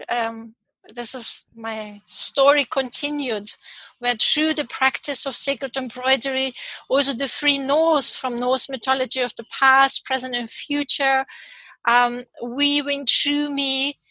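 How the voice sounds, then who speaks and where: Bright high-voiced woman from Kazakhstan. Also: steady tone, a little slow, no room sound, poor audio. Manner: reflective, with frequent hesitations. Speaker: podcast guest. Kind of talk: telling her personal story.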